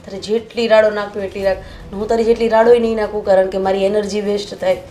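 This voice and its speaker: A woman's voice: mid-range voice, flat delivery, fast talker, warm tone, soft background music, natural voice. A woman playing a lazy elder daughter-in-law who answers in a dismissive, mocking way. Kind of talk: family drama acting.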